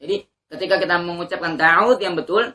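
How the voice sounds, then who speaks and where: A woman teaching Quran reading, patiently drilling letter sounds and reciting verses slowly and drawn out. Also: lowish voice, pushed and bright. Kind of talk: teaching letter pronunciation to learners.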